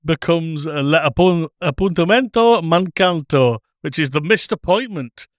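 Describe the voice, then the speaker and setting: A man's voice: on the high side, expressive, moderate pace, no room sound, studio quality. A man co-hosting a podcast, chatting casually with frequent laughs and fillers. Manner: chuckling, rambling, many fillers. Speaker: podcast co-host. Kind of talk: casual chat.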